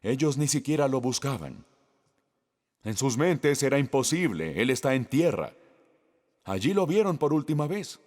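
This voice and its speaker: A man preaching a sermon, slowly and emphatically, putting questions to the congregation. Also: mid-range voice, big pitch swings, darkish tone, in a large hall. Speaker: pastor.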